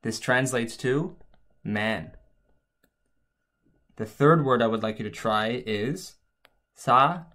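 A man's voice: medium pitch, slow, pauses often, fairly bright tone. A man narrating an instructional language lesson as a teacher, explaining things step by step.

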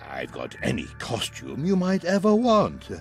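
A man's voice: on the high side, wildly swooping pitch, faint music behind. A man voicing an eccentric, playful costume maker in an adventure game, humming and musing as he talks. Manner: drawn-out, musing delivery with many hums. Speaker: game character.

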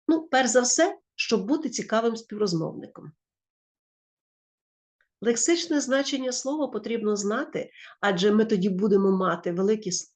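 Ukrainian lady teacher explaining grammar, lively, restarts her words a lot. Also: medium pitch, vocal fry. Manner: lively explanatory, with self-corrections. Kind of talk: school lesson explanation.

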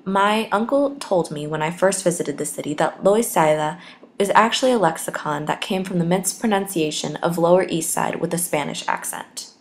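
A woman's voice: lowish voice, moderate pace, a little hiss or hum. A young woman narrating a scripted walking-tour voice-over, reading steadily from her script like a tour guide. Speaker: student narrator.

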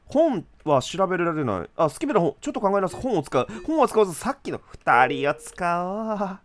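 A man giving animated let's-play commentary in rough, casual speech, often laughing. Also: sits high, fairly quick. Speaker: game streamer.

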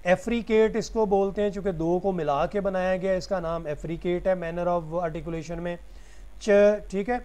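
A man's voice: sits high, steady tone, measured pace, mellow. A man giving a recorded lecture, explaining each point step by step and answering his own questions.

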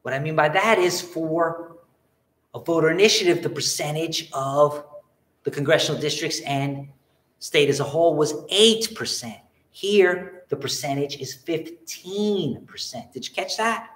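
A middle-aged man lectures on law with a faint New York accent. His voice sits fairly high and carries the echo of a roomy space. He talks in a chatty way, often wandering off topic with wry, self-mocking jokes. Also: a little slow, a bit bright. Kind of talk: explanatory lecture with wry asides.

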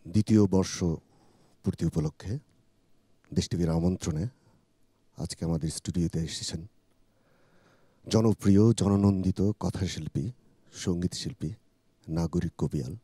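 Male TV host, low mellow voice, dry close sound, formal and polite. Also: measured pace, long pauses, breathy edge, no echo. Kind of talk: TV studio interview. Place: TV studio.

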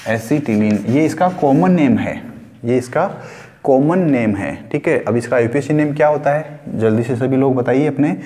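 A man's voice: mid-range voice, normal speed, warm tone, big-room sound. A male chemistry teacher giving an online lecture, explaining step by step, mixing English terms into Hindi, repeating key words and asking the class questions.

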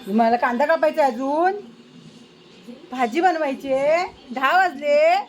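High-voiced woman cooing to her pets. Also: measured pace, dull audio, slight background noise. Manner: fond baby talk to her pets, meowing along. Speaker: home vlogger. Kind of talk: casual home vlog, chatting to pets. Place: home kitchen. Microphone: handheld phone.

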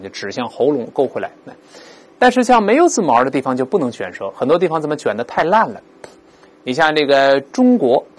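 A man teaching an English vocabulary lesson, explaining words with rhetorical questions and slowly repeating them aloud for pronunciation practice. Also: a little high.

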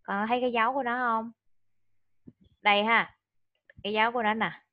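A woman's voice: a little high, fairly even intonation, brisk. Patient woman tutor on a dull call. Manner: patient, coaxing, mixes Vietnamese and English. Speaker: online English tutor. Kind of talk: vocabulary drill with a child.

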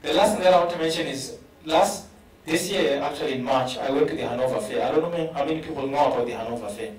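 A man's voice: fairly high pitch, fast talker, a crowd in the background. Earnest South African man on a panel. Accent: South African English. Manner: earnest, repeats words when emphasizing. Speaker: panelist, professor. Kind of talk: panel discussion. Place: conference stage panel. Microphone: handheld mic. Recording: roomy hall from a distance.

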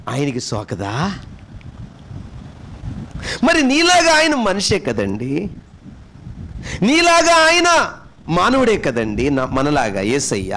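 A man preaching with a Telugu accent, questioning his congregation and swinging between loud and soft passages. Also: medium pitch, a little hiss or hum. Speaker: pastor. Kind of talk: sermon.

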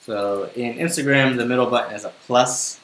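Thinking aloud as he types, a young coding tutor speaks at normal speed in a slightly bright, medium-pitched voice. His relaxed screencast was recorded at home in a roomy space with a faint hiss.

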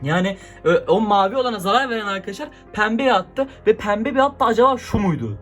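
A young man hosts a casual vlog with an excitable, chatty manner, constantly talking to his viewers. His voice sits very high and he talks fast. Faint music runs underneath. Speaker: YouTuber. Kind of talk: casual horror prank vlog.

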